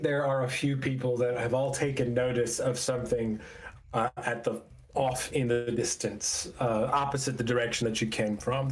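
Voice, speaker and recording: A man with a medium-pitched voice acts as a game master, improvising descriptive narration in a halting, conversational manner.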